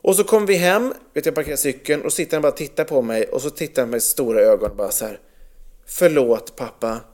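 A man in his thirties telling a personal story in casual chat, animated, swearing freely and full of fillers. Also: a little high.

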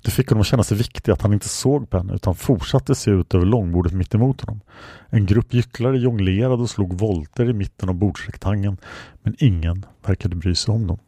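A man narrates a storybook in a calm, even way, his voice low and mellow with a slightly husky edge. The sound is close and dry, with no room around it. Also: dry recording. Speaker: audiobook narrator. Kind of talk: scripted narration.

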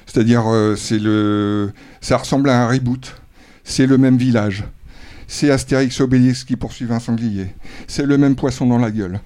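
A man chatting casually about a film, full of fillers and restarts, excited about what he likes. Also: mid-range voice, moderate pace. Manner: hesitant, many fillers and restarts. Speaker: film critic. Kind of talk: casual chat.

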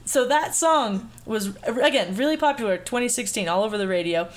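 A woman's voice: fairly high pitch, fairly quick. A young woman co-hosting a podcast, chatting casually and telling a story with lots of fillers and laughter. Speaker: podcast co-host. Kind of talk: casual chat. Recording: faint background noise.

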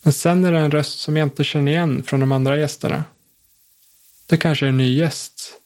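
A man narrates a tense first-person story in a steady, unhurried voice. His pitch sits a little above that of most men, and his delivery stays controlled even as the story tightens.

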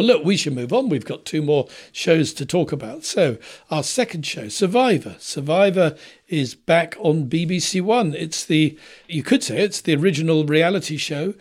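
A man's voice: a little high, lively intonation, moderate pace. A man co-hosting a TV podcast, reviewing shows in a wry, discursive way. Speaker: podcast co-host. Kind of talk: casual review chat.

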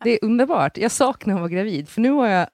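A woman in her thirties co-hosts a podcast, telling a story in a casual, laugh-filled chat with plenty of offhand swearing and acting out other people's lines. Her mid-range voice is animated and darkish. The recording is dry and clean, with a studio sound.

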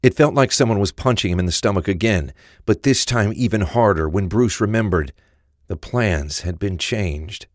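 A man with a very low voice narrates a scripted crime story at a moderate pace. The recording is close-miked with no echo.

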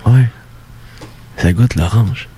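Low-key Quebec French man co-hosting. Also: slow, dark tone, husky. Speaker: podcast co-host. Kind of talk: casual podcast banter.

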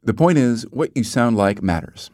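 A man hosting a news podcast, reading scripted links in a measured, dry way. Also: mid-range voice, lively intonation, a little mellow, dry recording. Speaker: podcast host.

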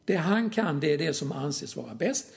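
A man explaining things in a casual conversation as a youth football coach, speaking in a slightly high voice with a gravelly edge. He is blunt and emphatic, swears freely, and keeps pressing his points with rhetorical questions. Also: animated.

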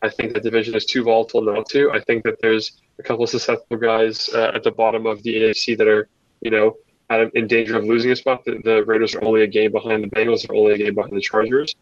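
A man co-hosting a casual sports podcast, measured and hedging as he reasons through his picks. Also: on the low side, monotone, no echo. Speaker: podcast co-host. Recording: dull distant mic, dry.

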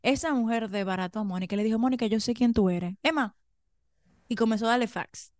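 Woman recapping reality tv gossip, kinda high voice, dead dry mic. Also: fast, no echo. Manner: enthusiastic, emphatic recapper. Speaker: podcast co-host. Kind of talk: casual gossip chat.

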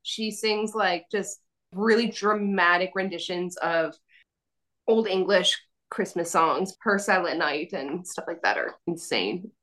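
A woman's voice: fairly low pitch, takes it slowly, fairly bright tone. Chatty young woman podcast co-host. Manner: chatty, peppered with "like". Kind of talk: casual chat.

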